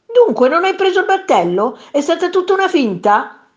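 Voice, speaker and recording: A woman voicing a panicked gentleman who has lost his nose, in a shrill, frantic shout while reading a children's story. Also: sing-song, normal speed, dull audio. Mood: indignant.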